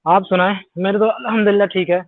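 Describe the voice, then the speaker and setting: A man's voice: sits high, steady tone, no echo. A man calling into a live debate, persistent and repeating his questions. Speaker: caller in a debate. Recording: tinny phone-line call.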